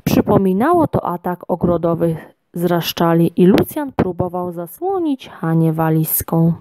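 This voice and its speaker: A woman reading a children's storybook aloud in an expressive, measured way. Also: on the low side, dry recording. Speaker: reader.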